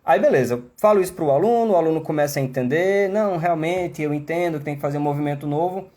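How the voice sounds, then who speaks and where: Brazilian man, English teacher on a live stream, slightly high voice, conversational, explains with lots of asides. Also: fast talker, dark tone. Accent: Brazilian Portuguese. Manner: chatty, explanatory, many tag questions. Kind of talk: live online class.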